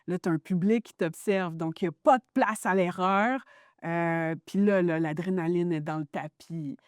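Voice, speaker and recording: A woman's voice: on the low side, moderate pace, no echo, studio quality. A woman, a radio journalist talking in a casual interview, reflective and enthusiastic with frequent hesitations. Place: radio studio.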